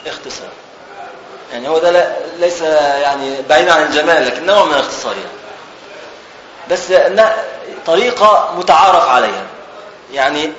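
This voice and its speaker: A man with an Egyptian Arabic accent and a slightly high, somewhat bright voice teaches a classical religious text. He reads passages aloud, then explains them in colloquial speech and repeats his key phrases. The audio is reverberant and dull.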